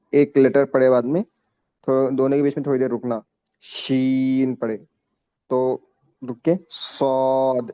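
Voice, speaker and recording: Guy teaching kids quran letters, slow stretched sounds, mellow and dry. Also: mid-range voice, dry recording. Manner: slow, drawn-out letter pronunciation with patient explanations. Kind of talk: online tajweed class for children.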